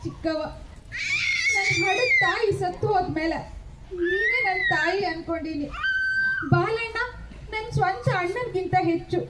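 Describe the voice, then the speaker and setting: A woman's voice: very high voice, a little slow, pauses often, very noisy. A woman with a North Karnataka Kannada accent voicing a poor, downtrodden young village wife in a dramatic story reading, with a plaintive, brooding manner. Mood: pleading. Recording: roomy home recording.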